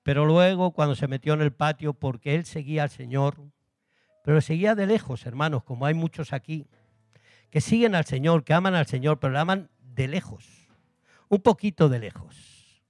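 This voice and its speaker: A man's voice: a little high, moderate pace, a little mellow, no room sound, soft background music. A man preaching an earnest sermon, addressing the congregation as brothers.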